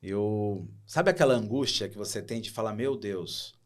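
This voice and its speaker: A man's voice: lowish voice, moderate pace. A middle-aged man, a podcast guest, telling a story with feeling and acting out the people in it. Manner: lively storyteller who acts out quoted dialogue. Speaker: guest, operations director.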